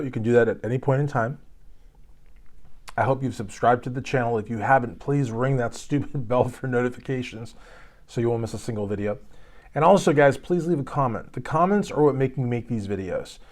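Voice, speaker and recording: A male YouTube host from Kentucky talks through a court case in a loose, rambling way. He drifts into joking asides and restarts, and his voice sits at an ordinary middle pitch for a man. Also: a little mellow. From Louisville, Kentucky. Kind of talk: casual commentary.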